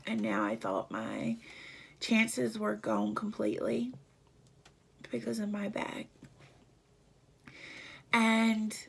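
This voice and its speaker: Woman, husky voice, lively pitch, halting personal story, near-whispered at times. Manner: halting, emotional, often dropping to a near whisper. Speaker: vlogger.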